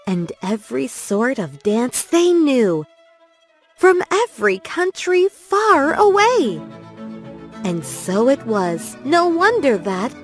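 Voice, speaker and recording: Lilting female storyteller over soft music. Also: high-pitched, big pitch swings, slow. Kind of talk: slow children's story and rhyme reading.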